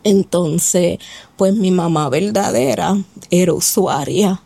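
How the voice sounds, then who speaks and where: A Puerto Rican woman gives her testimony as a guest, hesitant and full of filler words. She speaks slowly, with a gravelly, mellow tone. The recording is dry and close. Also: fairly low pitch, dry recording. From Puerto Rico. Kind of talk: personal testimony in an interview.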